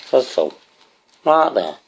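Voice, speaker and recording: Guy ranting n swearing at the camera, slow talker, pitch swings all over. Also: very animated, gravelly, a little hiss or hum. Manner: swearing, ranting, asks the viewer questions. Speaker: vlogger. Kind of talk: rambling monologue to camera.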